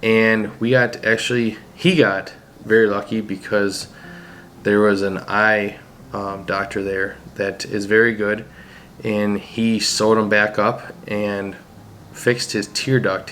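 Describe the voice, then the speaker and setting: A man's voice: lowish voice, fairly bright tone, a little hiss or hum. A man explaining on a family vlog in a plain, casual storytelling way. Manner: plain explaining, with ums and asides. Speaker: vlogger, father.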